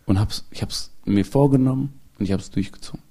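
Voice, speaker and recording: A man's voice: lowish voice, fairly quick, husky. A man, a comedian, telling a personal story in a casual interview, laughing often and acting out the people he quotes. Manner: animated, acts out quoted people.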